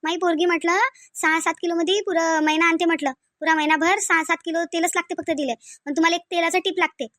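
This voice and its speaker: Speaking in a Varhadi Marathi accent from Vidarbha, a woman plays a bossy, stingy village mother-in-law in a cartoon comedy. Her very high-pitched, fairly bright voice is quick with fairly even intonation, scolding, nagging and sarcastic, full of rhetorical questions. The studio-quality recording has no echo.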